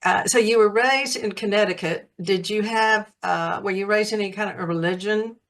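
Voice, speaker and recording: A woman's voice: medium pitch, normal speed. A woman with a Southern American accent, interviewing a guest in a chatty, friendly way. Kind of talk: casual interview.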